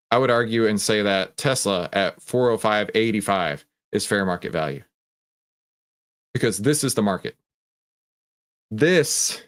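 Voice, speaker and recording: A low-pitched man hosts a live trading stream, giving casual market commentary while chatting with viewers. He's conversational and emphatic, explaining things, answering his own questions, and often adding "right?" to what he says.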